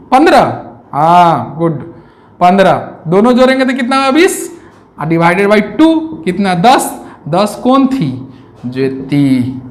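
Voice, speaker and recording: Chatty math teacher, echoey room. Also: male voice, high voice. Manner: chatty, counts aloud, asks rhetorical questions. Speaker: reasoning teacher. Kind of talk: classroom lecture on exam reasoning.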